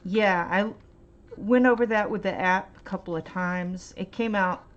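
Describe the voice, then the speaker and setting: A woman chatting her way through a paint swatching demo at home, rambling and hesitant with lots of ums. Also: medium pitch. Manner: rambling, hesitant, fills pauses with um and uh. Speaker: art vlogger. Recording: dull lo-fi home recording, faint hiss.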